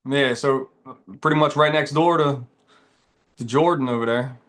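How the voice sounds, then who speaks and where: A man hosting a casual conversation, relaxed and laid-back, often saying "man" and "dude". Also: medium pitch, moderate pace. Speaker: podcast host.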